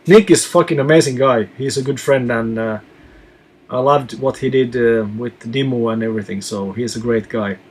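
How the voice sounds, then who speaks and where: A man from Finland who reads out viewer questions and answers them in a relaxed live chat as a touring musician. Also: medium pitch, moderate pace, slightly rough.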